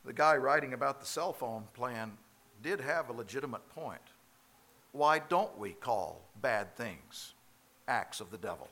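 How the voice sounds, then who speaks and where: A man preaching a sermon, growing emphatic and loud on key phrases and slowing down to read scripture. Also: medium pitch, expressive. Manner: slows down for quoted scripture.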